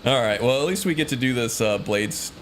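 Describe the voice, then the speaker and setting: A man's voice: mid-range voice, animated, fairly quick, background noise. A man streaming a video game, chatting casually with his viewers and laughing as he plays. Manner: chatty, laughing, talking to chat. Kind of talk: casual gameplay commentary.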